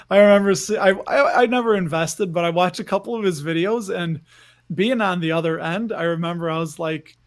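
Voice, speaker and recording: A chatty man joins a podcast as a guest, his voice a bit higher than usual for a man. He keeps things light and jokey. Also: moderate pace. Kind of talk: casual podcast chat.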